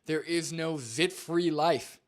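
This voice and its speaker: A man's voice: on the high side, slow pace. Rambling young male streamer. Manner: rambling, with many fillers and restarts. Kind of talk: live stream reaction chat.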